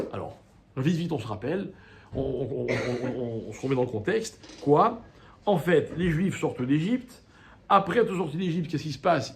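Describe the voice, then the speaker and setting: Animated rabbi teaching a Torah class. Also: male voice, fairly high pitch. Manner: animated teaching, with rhetorical questions and calls to the class; quotes Hebrew and Aramaic texts, then translates them. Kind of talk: lecture to a live class.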